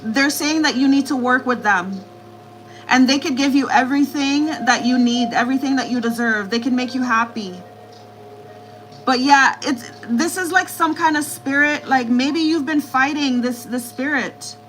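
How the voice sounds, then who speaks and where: A woman's voice: high-pitched, normal speed, a bit bright, a little hiss or hum, poor audio. A woman doing a live tarot reading, repeating herself reassuringly as she relays messages from spirits. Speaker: tarot reader.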